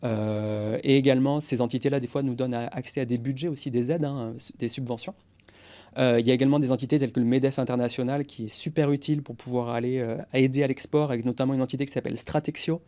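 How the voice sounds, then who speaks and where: A man's voice: medium pitch, steady tone, fast, mellow. A man in his forties, a guest on a podcast interview, explaining go-to-market strategy with energy and English business jargon.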